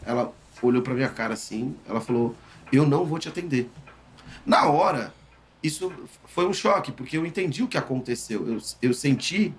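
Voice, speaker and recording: A Brazilian man earnestly recounting a personal experience in an interview, emphatic and halting with restarts. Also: medium pitch, animated.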